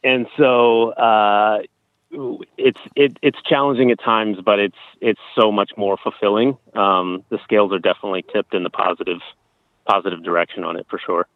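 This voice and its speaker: Low-voiced man on a phone-like line. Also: fairly even intonation, moderate pace, dry recording. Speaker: interview guest. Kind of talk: casual conversational interview, telling personal experiences. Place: outdoors at a campground.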